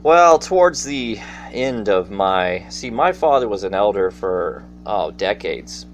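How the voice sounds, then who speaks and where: A storyteller with a fairly low, animated voice takes it slowly, with faint music and faint background noise behind him. He shares personal stories in a casual monologue, speaking directly to his listeners in a theatrical, folksy way.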